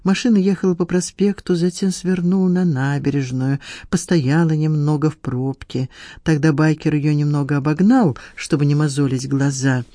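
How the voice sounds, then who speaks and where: An audiobook narrator giving a scripted, even storytelling read of a novel. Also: medium pitch, no room sound, studio quality.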